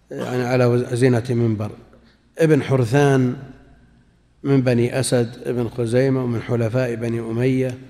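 A man giving a religious lecture, explaining hadith commentary in a measured way and repeating phrases as he goes. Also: mid-range voice, dark tone, long reverb tail. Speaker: Islamic scholar.

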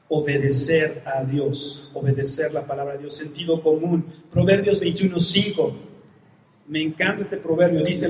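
A man preaching in a high, ringing voice, driving home his points by repeating them and asking the congregation direct questions. His voice carries through a large church hall with a long, roomy echo. Faint noise sits under the recording. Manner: emphatic, repeats key phrases, questions the listener directly. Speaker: pastor. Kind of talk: sermon.

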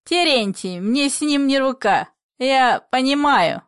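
A woman's voice: sits high, expressive, unhurried, clear, resonant tone, no room sound, clean studio sound, voice pushed up. A woman doing a meek simple old man. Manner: mild, pleading, simple. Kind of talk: play reading.

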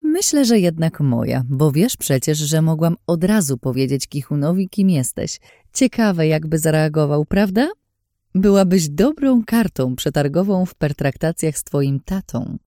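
A woman's voice: low voice, animated, a little slow, warm tone, no room sound, studio quality. A woman voicing a scheming, mocking woman in an audiobook, smug and threatening, in a taunting sing-song way.

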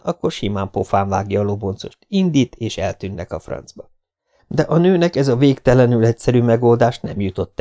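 A man reading a novel aloud as an audiobook narrator, in a steady storytelling manner. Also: medium pitch, gravelly.

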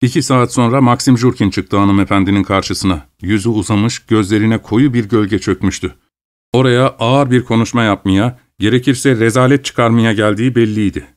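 A man reading a classic short story aloud as narrator, in a steady, measured way. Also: lowish voice.

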